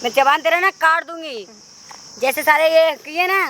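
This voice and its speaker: A woman's voice: very high voice, moderate pace, sharp tone. A woman playing a cruel older mother-in-law, taunting and bullying her son's wife in a staged outdoor confrontation. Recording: outdoor noise, crickets and insects.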